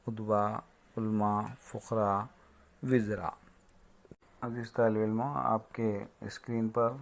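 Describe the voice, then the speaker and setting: Slow deliberate Urdu lesson teacher. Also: male voice, fairly low pitch. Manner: slow, listing terms one by one. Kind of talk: slide-based grammar lesson.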